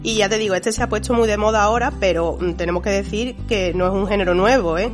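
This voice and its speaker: A woman with a Spain accent talks as a radio book columnist. Her mid-pitched voice is congested with a cold, and she explains in a casual, chatty style. Music plays behind her. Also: quick pace.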